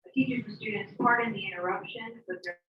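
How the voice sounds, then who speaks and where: A woman's voice: on the high side, steady tone, fast. A woman making a school announcement over the intercom, reading out a list of names. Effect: school intercom loudspeaker. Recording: echoey, distant, dull intercom audio.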